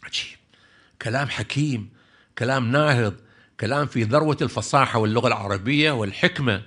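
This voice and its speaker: A man preaching, his voice bright and forceful. He swings from hushed asides to loud, drawn-out emphasis as he tells stories and recites verse. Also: medium pitch. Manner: impassioned, swings from soft to loud, slows to stress poetry and verses. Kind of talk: religious sermon with storytelling.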